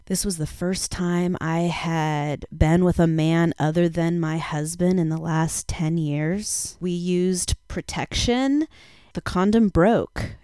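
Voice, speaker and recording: A woman's voice: lowish voice, smooth, dry recording, clean studio sound. A woman in her forties hosting a podcast, telling a personal story in a candid, confessional way with casual swearing. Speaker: podcast host.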